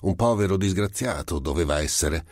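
A man's voice: low-pitched, expressive, moderate pace, no echo, clean studio sound, voice pushed up. A man reading the part of an irritable, suspicious merchant who answers rudely and defensively. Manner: curt, defensive, increasingly loud. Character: irritable suspicious male merchant, middle-aged.

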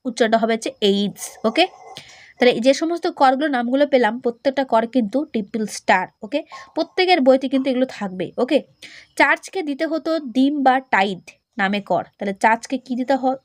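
Speaking quickly in a high voice, a woman teacher gives a classroom lecture, explaining a point before quizzing the listener on it. The audio is dry and close, without any room echo.

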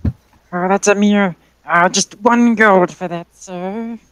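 A game master voicing a fussy, polite old woman shopkeeper who appraises items, speaking slowly with hesitations. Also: mid-range voice, fairly bright tone, voice pushed up, rough recording. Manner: slow, polite, hesitant with many ums. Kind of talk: tabletop game character voice.

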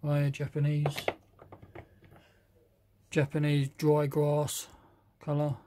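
Going through a box of model paints in a relaxed review, a British man stumbles over the colour names and confesses he can't say some of them. His fairly high voice is flat and mellow, with a little hiss or hum in the background.

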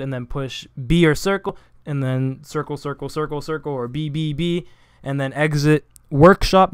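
A young man talks through a game tutorial in a loose, rambling way, stopping to correct himself and fill gaps. His voice comes across smooth and clean. The room sound is dry and close on a desk microphone. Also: a little high, no echo. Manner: rambling, full of fillers and self-corrections. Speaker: gaming video creator. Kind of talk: casual game tutorial voice-over. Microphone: desk USB microphone.

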